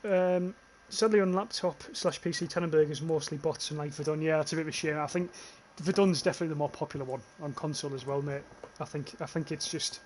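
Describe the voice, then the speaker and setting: Speaking fast with few pauses, this young British streamer has a fairly high pitch, a darkish tone, and a northern English accent. A little hiss or hum sits under his casual livestream commentary, where he reads chat comments and swears offhand.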